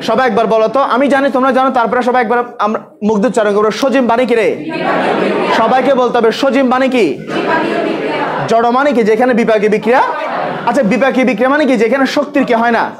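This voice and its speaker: A man teaching an online exam-prep class. He asks his students questions, answers them himself, and repeats key terms slowly so they can say them back. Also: extremely high pitch, crowd noise. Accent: Bangladeshi Bengali.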